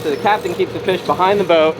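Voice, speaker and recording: A man's voice: high voice, steady tone, fast. A man hosting a fishing show, talking casually to camera in an enthusiastic, exclamatory way out on a boat. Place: outdoors on a boat at sea. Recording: very noisy outdoor boat, wind and motor.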